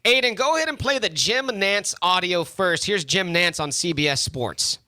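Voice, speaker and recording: Bright, dry-voiced radio sports host, a man. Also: high-pitched, expressive, no echo. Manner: upbeat, quick, steers the segments. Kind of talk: casual sports radio chat. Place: radio studio. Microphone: studio microphone.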